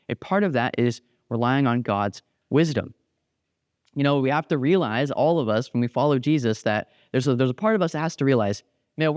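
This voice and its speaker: A young man giving a casual youth sermon, animated, acting out little quotes as he goes. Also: mid-range voice, no room sound, clean studio sound. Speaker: youth pastor.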